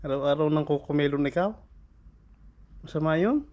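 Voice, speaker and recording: Late at night at home, a father and vlogger chats with his toddler in playful baby talk, coaxing and teasing. He keeps repeating the same questions with soft laughs. His voice is fairly high and moderately paced, and the recording is lo-fi.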